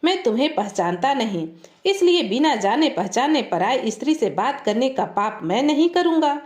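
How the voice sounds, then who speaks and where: A self-important young groom with a foolish scholar's pride, as a woman storyteller puts him on, lecturing and scolding in a pedantic tone. The voice sits high and swings widely in pitch. It is heard in an echoey room. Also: sing-song, normal speed, darkish tone. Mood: pompous.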